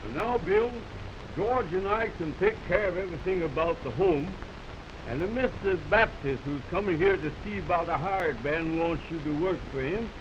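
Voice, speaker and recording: An actor playing a friendly, curious male homesteader in an early talkie film, with a slow, stagey delivery. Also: a little high. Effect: early talkie film soundtrack. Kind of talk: 1930s film acting. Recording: hissy, dull 1930s film soundtrack.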